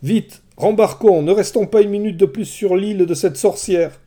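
A man's voice: high-pitched, normal speed, mellow, pitched above the performer's own voice. A man voicing a frightened sailor who pleads urgently to flee, in a storybook reading. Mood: pleading, panicked.

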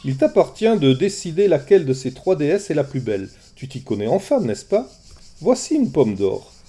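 A man's voice: on the high side, big pitch swings, moderate pace, dark tone, slightly rough, pitched above the performer's own voice. A man doing a breezy, charming messenger god. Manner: light, bantering.

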